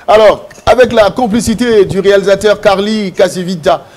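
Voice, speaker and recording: A man presenting a live TV event, talking in a hurried, repetitive, excitable way. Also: sits high.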